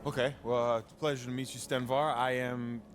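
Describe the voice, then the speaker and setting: A man narrating and acting out his own game role-play in an animated, rambling way, often laughing. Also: medium pitch, a little fast, a little hiss or hum.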